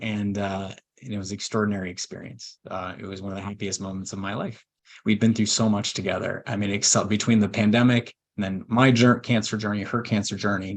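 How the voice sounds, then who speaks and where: A man in his forties, lower-voiced than most, tells a personal story in a webinar. He speaks earnestly and heartfelt, with fillers, pauses and restarts. His voice is emotional at times. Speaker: estate planning attorney.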